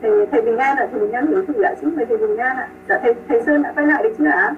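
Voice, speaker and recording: Higher-voiced woman teaching pronunciation over a call. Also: far from the mic, slight background noise. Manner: models sounds slowly, repeats them and praises students. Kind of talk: online pronunciation lesson. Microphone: video call. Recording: tinny call audio with music behind.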